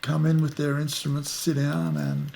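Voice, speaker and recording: A man in his fifties with an Australian accent and a gravelly, fry-edged voice pitched a little high. He answers unhurriedly and reflectively, trailing off into fillers as he thinks. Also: monotone, normal speed, dark tone. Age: 50s. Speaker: musician interviewee. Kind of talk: casual interview. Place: outdoors at the back of a house, rainy day.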